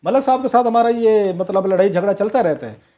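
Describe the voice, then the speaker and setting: A man's voice: high voice, brisk, mellow. A man, giving emphatic, story-driven commentary as a political analyst on a talk show.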